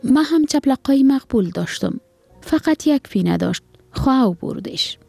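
Woman doing a little afghan girl voice, high, a bit husky, radio story. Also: animated, darkish tone, no room sound, soft background music, heavily acted. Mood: sad. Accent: Afghan Dari. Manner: raised childlike voice, plain Dari dialect.

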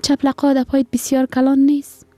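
A woman's voice: high voice, monotone, warm tone, no echo, faint music behind, pitched above the performer's own voice, natural voice. A woman voicing a poor, sad little girl in a spoken story, with an Afghan Dari accent. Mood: wistful.

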